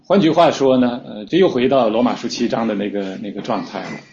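A man's voice: mid-range voice, brisk, a little mellow. A man preaching a sermon, teaching scripture in a conversational way with frequent fillers and repeated starts. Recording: slightly dull lo-fi recording.

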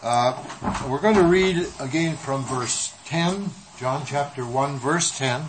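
A man leading a Bible study, speaking in measured phrases with pauses and fillers for an interpreter. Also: medium pitch, noisy background. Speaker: Bible teacher.

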